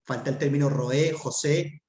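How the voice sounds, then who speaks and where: A man's voice: mid-range voice, moderate pace, darkish tone, reverberant. A man teaching a Hebrew class online, talking conversationally and asking his students rhetorical questions.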